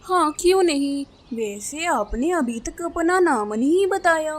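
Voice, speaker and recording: A woman's voice: high voice, expressive, unhurried, voice pushed up. A woman voicing an easygoing male crow husband in a cartoon, polite and good-natured. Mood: friendly.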